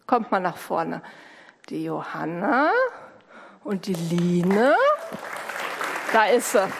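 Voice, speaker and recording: A woman's voice: on the low side, expressive, slow, creaky, a little hiss or hum. Woman host coaxing children in a hall. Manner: warm coaxing, speaks to kids directly. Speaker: host of a school-start service. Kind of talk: lively hosting, addressing children. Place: large hall with a crowd. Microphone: handheld microphone. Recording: long hall reverb, crowd murmur.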